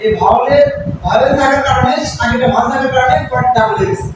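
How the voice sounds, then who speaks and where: A man's voice: extremely high pitch, rapid-fire. A male English teacher explaining grammar step by step to a class and asking them questions. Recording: echoey classroom, distant mic, noisy.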